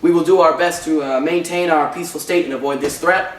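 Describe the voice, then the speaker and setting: A man's voice: on the high side, fairly even intonation, brisk, close to an everyday voice. A young man playing an American president giving a formal address to the nation. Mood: solemn. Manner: speech-like address. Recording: echoey room, mic far off.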